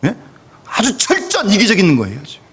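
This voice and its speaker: Korean-style sermon guy, high voice that swings all over, long echo of a church hall. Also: huge pitch swings, brisk, a bit bright, breathy edge. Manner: emphatic, rhetorical questions with repeated "예?". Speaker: pastor. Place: church sanctuary.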